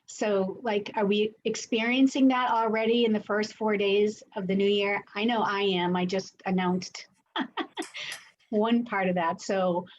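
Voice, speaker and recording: A woman's voice: medium pitch, highs cut off, a little hiss or hum. A woman with a Boston accent hosting an online coaching talk, reflective and searching for her words. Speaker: host and coach. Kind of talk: online lunch-and-learn talk.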